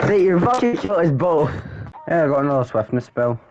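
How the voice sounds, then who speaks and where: A young man gaming with a friend, full of crude, animated banter. His voice is lively and a touch high, coming through a dull, lo-fi voice chat line. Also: brisk, background noise.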